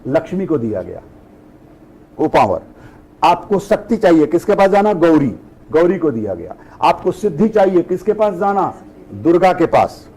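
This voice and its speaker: Animated, high-voiced man preaching. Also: moderate pace, poor audio. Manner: rhetorical questions answered in turn, sprinkled with English phrases. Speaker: spiritual teacher. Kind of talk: spiritual discourse to an audience.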